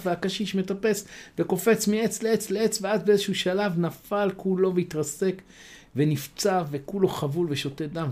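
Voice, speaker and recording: Brief: animated man narrating a folk tale with a moral, fairly high-voiced. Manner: lively, explaining the lessons. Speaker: storyteller.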